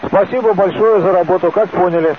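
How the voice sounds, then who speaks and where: A man's voice: high-pitched, brisk, crowd noise. A man working as a ground flight controller over a two-way radio, giving terse, clipped calls and readbacks. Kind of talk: radio traffic procedure. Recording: tinny radio link with faint hiss.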